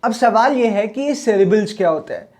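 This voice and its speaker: A male teacher giving a recorded exam-prep lesson. He is friendly, calls his viewers brothers and friends, and drags out example words slowly to show their syllables. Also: high-pitched, lively intonation, darkish tone.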